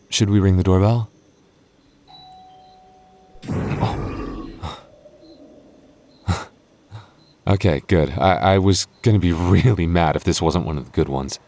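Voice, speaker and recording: In an intimate audio roleplay, a man voices a young boyfriend, speaking low and soft. He stammers and hesitates, nervous but openly affectionate with his partner, talking slowly with frequent pauses in a wistful mood.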